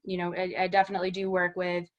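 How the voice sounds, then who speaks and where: A woman's voice: lowish voice, monotone, quick pace, muffled recording. A woman, giving a chatty, upbeat webinar presentation over a video call. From Western Massachusetts. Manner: chatty and upbeat, many "you know"s. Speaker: guest speaker, small business specialist.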